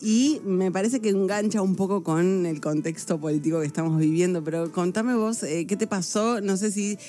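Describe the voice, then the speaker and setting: High-voiced Argentine male host. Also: steady tone, dark tone, soft background music. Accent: Argentine Spanish. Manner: quick short interjections. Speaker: radio host. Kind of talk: interview hosting.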